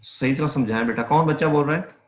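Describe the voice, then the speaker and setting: A man's voice: mid-range voice, quick pace, echoey room. A man teaching a math class online, often calling his students "beta" and checking whether they can hear him. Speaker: math lecturer.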